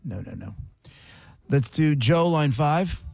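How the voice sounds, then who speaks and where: A man hosting a call-in radio show, brisk and teasing as he handles callers. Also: a little high, expressive, vocal fry, a little mellow, no room sound. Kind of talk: casual call-in radio banter.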